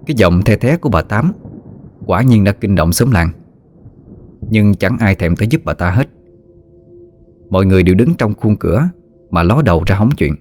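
A man narrating a ghost story in an expressive storytelling manner. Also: low voice, moderate pace, long pauses, a little hiss or hum. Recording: faint background music.

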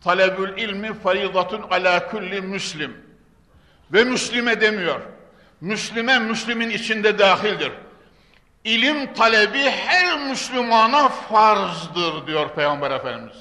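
A man preaching into a pulpit microphone in a big hall, his high voice ringing out with a long reverb. His tone is bright and forceful. He declaims scripture in a sing-song cadence, then sinks to a hushed, earnest murmur. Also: measured pace. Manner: declaims Arabic quotations, drops to hushed earnest tones. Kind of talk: sermon.

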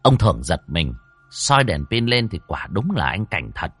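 Brief: male storyteller, very animated pitch, dry close sound, faint music behind. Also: normal speed, slightly rough, dry recording. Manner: dramatic, acting out every character. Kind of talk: ghost story narration.

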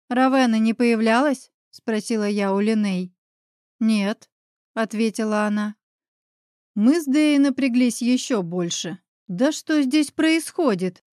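A woman's voice: on the high side, darkish tone, dry recording, studio quality. A woman narrating a fantasy novel in the first person, reading expressively and acting out the heroine's outbursts. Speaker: audiobook narrator.

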